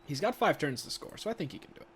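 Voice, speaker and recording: A man doing casual, excitable play-by-play commentary of a video game from home. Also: a little high, rapid-fire, a little hiss or hum. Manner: chatty, excitable, laughs often. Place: home room.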